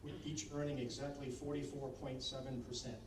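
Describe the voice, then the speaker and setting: A man giving a formal podium speech at a commencement as a school leader, speaking in measured, deliberate phrases with pauses. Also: medium pitch, little pitch movement. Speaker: school leader addressing graduates. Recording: echoey, distant microphone, clear background noise.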